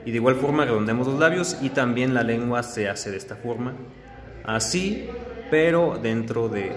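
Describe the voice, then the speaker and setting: A man teaching pronunciation slowly and carefully, demonstrating each sound. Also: medium pitch, crowd noise. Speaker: language teacher. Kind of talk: slow pronunciation lesson. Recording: long reverb with faint background noise.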